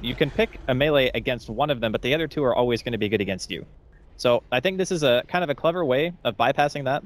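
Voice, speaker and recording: A man giving color commentary on an esports match, explaining strategy in a rapid, conversational way. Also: mid-range voice, slight background noise. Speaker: esports analyst.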